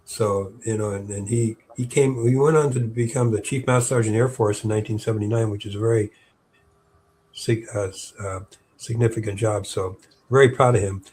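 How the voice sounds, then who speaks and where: A man's voice: lowish voice, fairly even intonation, a little fast, darkish tone, slightly rough. A man in his seventies chatting as an interview guest, rambling with many fillers and restarts. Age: 70s. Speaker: interview guest, historic park staff. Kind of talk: casual interview chat.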